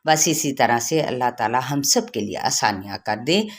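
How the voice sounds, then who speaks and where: A woman with an Urdu accent teaching Quran pronunciation rules, reciting words slowly and then explaining each rule. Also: rumbling low, lively intonation. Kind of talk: tajweed lesson with slow recitation.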